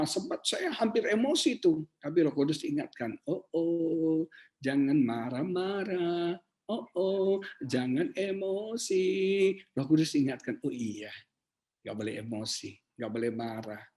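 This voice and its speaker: A middle-aged man, a pastor preaching a sermon in an animated, conversational way, acting out inner dialogue and addressing the congregation directly. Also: on the high side.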